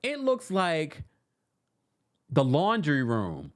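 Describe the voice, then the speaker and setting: A man's voice: a little high, extremely slow. A man hosting a live-stream recap, reading fan messages aloud and riffing in a sassy, laughing way. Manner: sassy, animated, laughs often. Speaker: recap show host.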